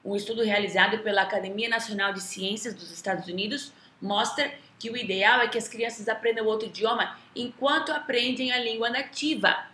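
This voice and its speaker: A woman's voice: on the high side, fairly quick, few pauses, pushed and bright. A Brazilian woman, an English teacher, talking casually to the camera in a chatty way with a Brazilian Portuguese accent, often tagging her sentences with a questioning aside. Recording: roomy echo.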